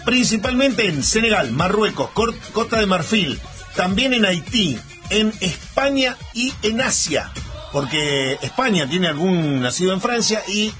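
A man with an Argentine accent hosting a sports segment on radio, chatting casually with pauses and fillers. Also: high voice, lively intonation, a bit bright. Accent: Argentine Spanish. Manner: conversational, halting with fillers. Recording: radio broadcast with music bed.

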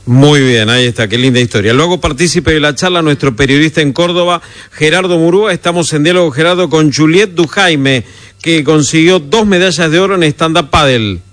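A man's voice: a little high, fairly quick, a bit bright. A man with an Argentine Spanish accent hosting a live radio interview, friendly and a little hesitant. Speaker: radio host.

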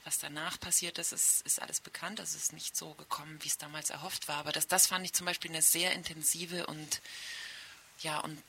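A middle-aged German woman working as a foreign correspondent answers interview questions spontaneously in a radio studio. Her voice is deep and sharp, with vocal fry and a flat delivery at a slightly fast pace. A faint hiss is present in the studio recording.

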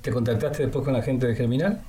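A man's voice: medium pitch, quick pace, warm tone. A man with an Argentine accent hosting a radio sports interview, chatty and full of leading questions and fillers. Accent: Argentine Spanish.

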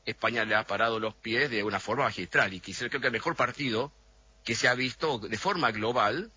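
A middle-aged man answering interview questions over a remote radio line, thoughtful and explanatory, often pausing to find his words. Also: mid-range voice, pushed and bright, breathy edge, lo-fi sound. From Argentina. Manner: thoughtful, explanatory, frequent hesitations. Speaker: interview guest.

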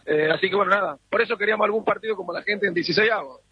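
Husky fan, muffled. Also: male voice, high voice, racing, no echo. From Argentina. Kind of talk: street interview.

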